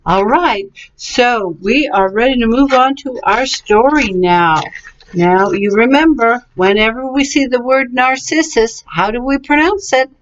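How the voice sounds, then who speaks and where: A woman's voice: fairly high pitch, measured pace. A woman teaching English vocabulary, patiently and encouragingly sounding out words syllable by syllable. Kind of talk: slow, clearly enunciated vocabulary and pronunciation lesson. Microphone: webcam. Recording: slightly dull, lo-fi webcam recording.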